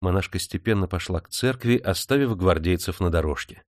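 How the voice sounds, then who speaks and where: A man's voice: fairly quick, no echo. Man reading an audiobook, dry close sound. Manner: animated, raises pitch for excited dialogue. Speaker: audiobook narrator. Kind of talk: audiobook reading with character voices.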